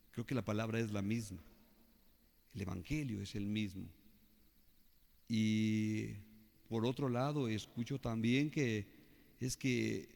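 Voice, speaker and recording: Spanish-speaking preacher in a reverberant hall. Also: male voice, mid-range voice, creaky, a little mellow. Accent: Mexican Spanish. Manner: slows down and rises when reading scripture aloud; asks the congregation questions. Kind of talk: sermon. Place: church hall.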